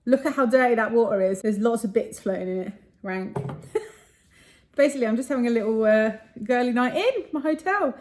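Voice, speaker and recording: A woman's voice: expressive, darkish tone. A woman hosting a casual vlog from her hotel room, chatting and gossiping with frequent laughs. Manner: chatty and gossipy, laughs often, quick pitch jumps. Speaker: vlog host. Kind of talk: casual vlog chat to camera.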